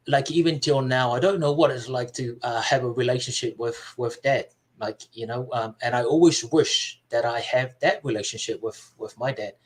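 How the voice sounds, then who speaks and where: Soft-spoken man from Samoa. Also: medium pitch, poor audio. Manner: soft-spoken, halting, many fillers and restarts. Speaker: podcast guest. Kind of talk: personal life story in casual chat.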